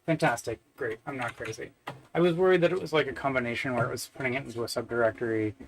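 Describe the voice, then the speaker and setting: A man's voice: medium pitch, quick pace, poor audio. A man, thinking aloud while coding on a live stream, muttering to himself with many fillers and wry self-deprecating asides. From Canada. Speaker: software developer live-streaming. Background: keyboard typing.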